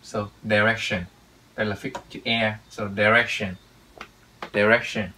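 Guy teaching english pronunciation, drills words over and over, bright lowish voice. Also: level tone, a little slow, slight background noise. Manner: drills words, repeats them with emphasis. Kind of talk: pronunciation lesson.

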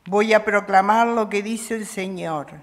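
An older woman at a chapel lectern microphone, reading the psalm verses of a Mass in a measured manner. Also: medium pitch, fairly even intonation. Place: small chapel. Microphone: stand microphone at lectern. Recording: long chapel reverb.

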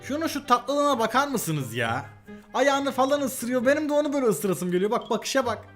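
High, lively young man gushing. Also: moderate pace, soft background music. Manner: giggly, gushing and exclaiming. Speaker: YouTuber reacting to animal videos. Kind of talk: casual reaction commentary.

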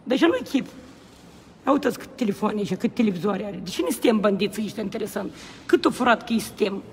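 A man's voice: sits high, animated, slight background noise. A man, filming on a phone at a government building entrance and repeating his complaints with indignation. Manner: indignant, repetitive, exclaiming. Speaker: protesting citizen filming. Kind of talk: heated complaint to camera. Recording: echoey hall, faint ambience.

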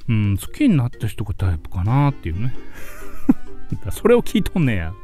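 A man's voice: mid-range voice, huge pitch swings, normal speed, dark tone, soft background music. A man with a Kansai accent hosting his own comedy radio show, talking in a laid-back, chuckling way and reading listener submissions. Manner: laid-back, chuckling, polite sign-offs. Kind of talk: solo comedy radio talk.

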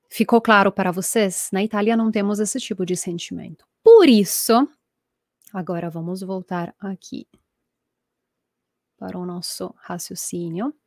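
A lively woman in her thirties from Italy reads out viewer comments during a live online language class she teaches from a small room at home, gesturing a lot as she speaks with an Italian accent. Through her earphone headset mic, her mid-range voice comes across clean, studio-like, and free of room sound.

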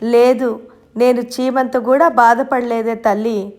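A woman's voice: on the high side, level tone, takes it slowly, a little mellow. A woman narrator voicing an elderly grandmother who speaks affectionately and soothingly in a storybook reading. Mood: fond. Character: elderly grandmother, fond and fretful.

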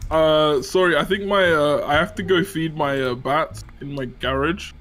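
Teasing man, higher voice, gaming chat. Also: normal speed, fairly bright tone. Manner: teasing, mock-serious, breaks into laughter. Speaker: gaming video host. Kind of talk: playful gaming chat with pranks.

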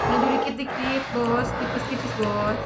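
A woman's voice: on the high side, fairly even intonation, moderate pace. A young woman in casual gameplay chat, coaching the player with short instructions and teasing. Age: young adult. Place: small indoor room. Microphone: sitting back from the mic. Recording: distant, roomy, game music behind.

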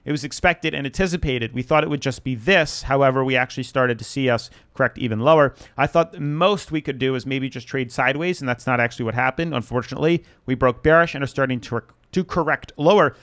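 A young man hosting a crypto channel, casually walking viewers through market charts while short of breath. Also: medium pitch. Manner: steady explanatory chart talk addressed to viewers. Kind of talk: casual market analysis to camera.

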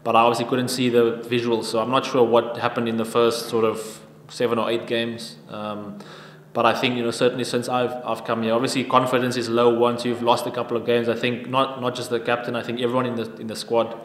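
A man in his thirties answering questions at a post-match press conference at a table mic, even-toned and halting with frequent restarts. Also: medium pitch. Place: press conference room with sponsor backdrop. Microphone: table microphone. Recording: echoey room with long reverb.

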